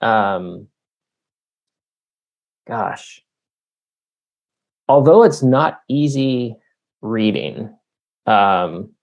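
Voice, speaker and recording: With a lower, animated voice, this Canadian author talks very slowly, leaving long pauses, and the audio sounds dull. Responding to interview questions, he works through his ideas out loud in an explanatory, conversational way, full of "you know" and "like."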